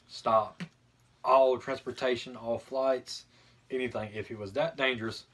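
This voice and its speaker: A man's voice: mid-range voice, a bit bright. A man chatting casually and giving his opinions bluntly, with some mild swearing, as a video host. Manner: blunt, mildly profane.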